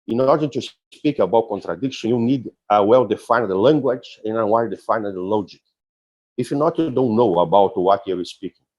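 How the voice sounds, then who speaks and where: A man giving an academic conference lecture, deliberate and explanatory, often halting and restarting his phrases. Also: fairly low pitch, darkish tone. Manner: halting, with frequent restarts and fillers. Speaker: philosophy professor giving a talk.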